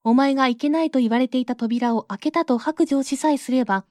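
Storybook Virgin Mary, motherly and gently stern, mellow tone, dry sound, read by a woman. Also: sits high, fairly quick, no echo, close to an everyday voice. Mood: admonishing.

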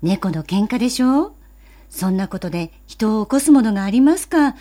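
Casting: a woman playing a prim, proper schoolgirl sister, raised, bright storybook voice. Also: on the high side, very animated, brisk. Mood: scolding. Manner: prim, polite, scolding. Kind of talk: storybook reading.

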